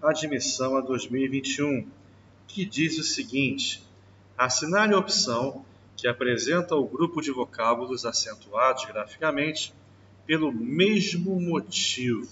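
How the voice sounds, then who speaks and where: A man's voice: medium pitch, animated, fairly bright tone, a little hiss or hum. A man, a teacher walking through an exam question and stretching out the key words. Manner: slow, drawn-out stress on key words. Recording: distant, dull mic in reverberant room.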